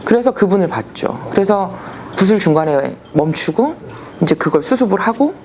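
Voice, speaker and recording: A woman, a shaman, telling stories in a casual, animated way and acting out the voices she quotes. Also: medium pitch, normal speed, slight background noise. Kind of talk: casual storytelling.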